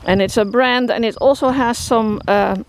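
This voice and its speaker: Audio quality is poor as a Dutch-accented woman from the Netherlands, who keeps a horse shelter, casually talks about her horses outdoors. Her voice is a little high and steady at normal speed, and she rambles through a vlog walkthrough with many fillers and restarts, in a rural field with crickets and outdoor noise behind.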